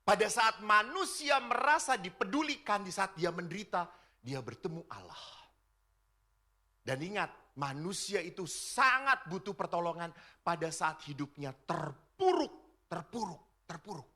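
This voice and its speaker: A lively, bright-voiced priest from Indonesia preaches, his pitch swinging widely as he tells stories. He acts out dialogue and moves from hushed, near-whispered lines to loud, emphatic ones. The voice sits a little high for a man. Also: normal speed. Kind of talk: sermon with storytelling.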